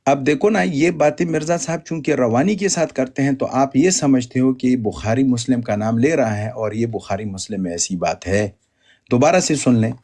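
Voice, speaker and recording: A man's voice: mid-range voice, normal speed, darkish tone. A man giving emphatic, polemical religious commentary, often stammering and repeating words.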